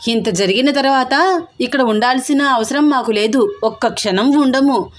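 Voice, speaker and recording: A woman voicing a scheming middle-aged aunt who complains loudly and theatrically. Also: high voice, moderate pace, natural voice. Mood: sulking. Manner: loud, dramatic, wailing complaints.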